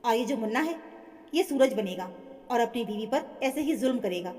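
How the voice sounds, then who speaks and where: A woman voicing a stern, protective older mother-in-law who scolds forcefully. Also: fairly high pitch, lively intonation, moderate pace, big-room sound, natural voice.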